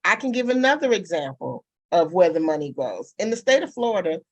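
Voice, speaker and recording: A woman's voice: on the low side, very animated, fairly quick, no room sound, rough recording. A woman speaking on a discussion panel, making an impassioned argument and building her points with examples.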